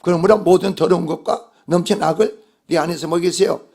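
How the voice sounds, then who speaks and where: A man's voice: high-pitched, a little fast, vocal fry, darkish tone. A male pastor delivering a Sunday sermon, emphatic and putting rhetorical questions to the congregation.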